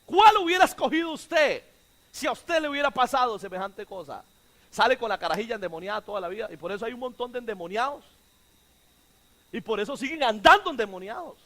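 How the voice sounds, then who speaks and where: A male pastor preaching a sermon, who swings from shouts to hushed quotes and has the congregation repeat his words. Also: very high voice, expressive, fairly quick.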